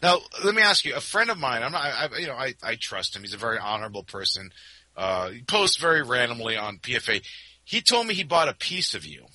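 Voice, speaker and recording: Man, podcast co-host, very bright sharp voice, dry close sound. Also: medium pitch, sing-song, fast talker, no room sound, poor audio. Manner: chatty, prodding questions. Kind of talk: casual podcast chat.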